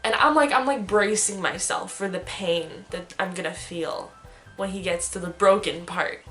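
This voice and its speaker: A young woman vlogging, telling a story in a casual, animated way and laughing often as she talks. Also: fairly low pitch, moderate pace, soft background music.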